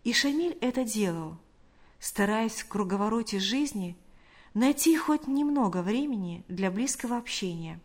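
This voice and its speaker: Woman narrating an audiobook. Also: mid-range voice. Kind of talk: scripted narration.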